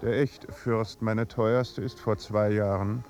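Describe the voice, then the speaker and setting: An actor playing a languid, deadpan aristocratic duke in a 1950s radio drama. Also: male voice, fairly low pitch, slow. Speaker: duke at a party.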